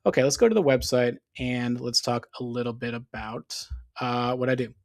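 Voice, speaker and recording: Walking viewers through his screen, a man who runs an SEO business explains things loosely and conversationally, often pausing for fillers and starting over. He has a middling pitch, a voice beginning to turn hoarse with occasional throat-clearing, and a moderate pace.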